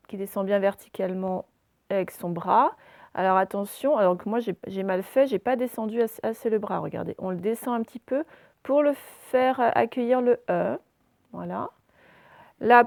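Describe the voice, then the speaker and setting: A woman's voice: mid-range voice, vocal fry, a little mellow, no room sound. A woman primary school teacher recording a reading and handwriting lesson for young children, explaining step by step with frequent hesitations and spelling out letters.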